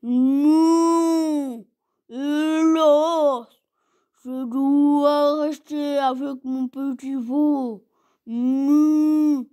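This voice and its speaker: A woman voicing a kind motherly cow who must stay with her calf, speaking gently. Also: sits high, fairly even intonation, very slow, voice pushed up. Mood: gentle.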